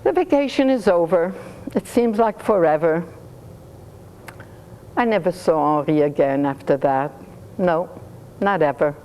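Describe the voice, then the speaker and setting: A woman storyteller reading her own stories in rhyming verse, lively and playful. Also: on the low side, measured pace, long pauses, slight background noise, rough recording.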